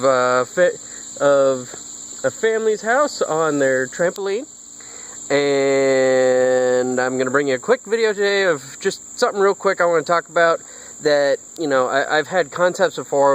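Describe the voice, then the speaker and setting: A man's voice: mid-range voice, clean tone, poor audio. Rambling man telling a story outdoors. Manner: rambling, with false starts. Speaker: vlogger. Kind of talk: casual storytelling vlog. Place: outdoors in a backyard.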